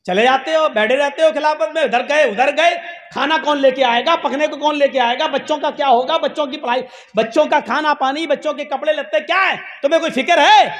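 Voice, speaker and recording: A preacher voicing a wife who nags and scolds her husband in a rapid, raised rant. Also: very high voice, a bit bright. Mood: scolding. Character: scolding wife, sharp and nagging. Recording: long hall reverb.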